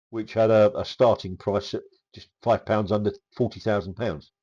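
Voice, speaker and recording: Raspy, nasal man getting over a cold. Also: fairly low pitch, warm tone, dull audio. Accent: English. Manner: halting, many fillers and restarts. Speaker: host. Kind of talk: casual car history talk.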